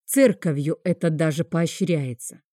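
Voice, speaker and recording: A woman's voice: low voice, measured pace, dark tone, dry recording, clean studio sound. A woman voicing a bitter, sarcastic grieving man in an audiobook. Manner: bitter, biting.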